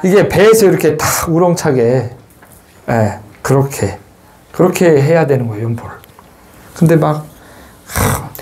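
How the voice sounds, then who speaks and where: A man delivers a temple sermon as a Buddhist monk in a fairly high voice. He talks casually with his listeners and teases them. Now and then he calls out a line loudly to show them how. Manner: chatty and joking, teases the listeners, shouts chants to demonstrate. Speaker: Buddhist monk giving a Sunday dharma talk.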